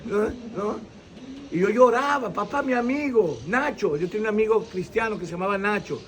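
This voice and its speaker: A high-pitched Venezuelan man in his sixties gives an animated personal faith testimony during an interview. He acts out the people in his story and sometimes pauses to search for words.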